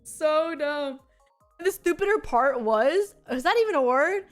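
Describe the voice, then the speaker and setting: High-voiced giggly young woman streamer. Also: lively intonation, measured pace, soft background music. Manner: rambling and giggly, with frequent laughs and filler words. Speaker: VTuber streamer. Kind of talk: casual chat stream, storytelling.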